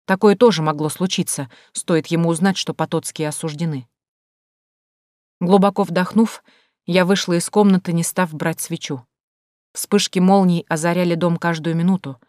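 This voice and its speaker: A woman reads a first-person audiobook in a measured, suspenseful manner. Her voice sits on the low side, recorded close and dry with no room sound. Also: steady tone, darkish tone, no echo. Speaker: audiobook narrator.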